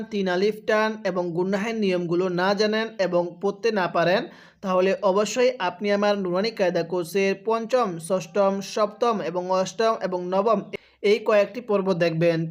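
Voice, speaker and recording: A man from Bangladesh teaching Quran reading, spelling out syllables and reciting verses in a drawn-out way for learners to repeat. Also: high-pitched.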